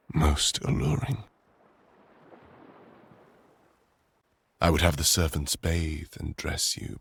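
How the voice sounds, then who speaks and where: Speaking as a commanding, possessive conqueror king in a boyfriend roleplay, the man uses a deep, gravelly voice and slow, formal, measured phrasing. His voice is exaggerated, and the mood is low and admiring.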